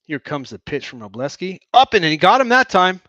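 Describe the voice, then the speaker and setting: Irreverent, excitable male play-by-play host. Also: sits high, fairly quick, dry recording, highs cut off. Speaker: host of a fan watch-along broadcast. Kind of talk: joking play-by-play commentary.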